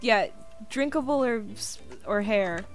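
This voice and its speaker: Young female streamer, high and lively, giggles a lot, reads chat aloud; faint music underneath. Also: measured pace. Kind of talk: casual gaming stream chat.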